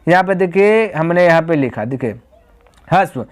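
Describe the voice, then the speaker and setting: A man's voice: a little high, lively intonation, moderate pace. A man teaching a grammar lesson. He explains step by step, asks the students rhetorical questions and answers them himself, and calls them "my brother.".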